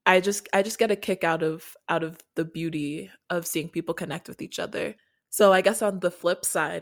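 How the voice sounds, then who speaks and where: A woman from Nigeria co-hosts a relaxed podcast. Her voice sits slightly low, and she speaks in a thoughtful, earnest way, now and then letting out a small laugh. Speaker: podcast co-host. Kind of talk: casual podcast chat.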